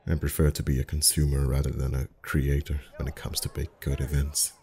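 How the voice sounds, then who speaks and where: A voice actor plays a friendly festival face painter in a one-sided ASMR roleplay, speaking in an extremely low, mellow voice with a completely flat delivery at a brisk pace. He's easygoing, casual, and gently teasing, with a flirty streak and soft chuckles as he chats intimately.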